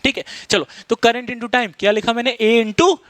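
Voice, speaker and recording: Man, physics teacher, fast-talking, quizzing questions, high-pitched voice. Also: a bit bright, no echo. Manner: fast-talking, quizzes students, mixes Hindi and English terms. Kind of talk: classroom lecture.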